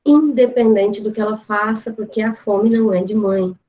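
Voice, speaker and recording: A woman, a therapist calmly explaining during a live therapy class. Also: medium pitch, moderate pace, lo-fi sound.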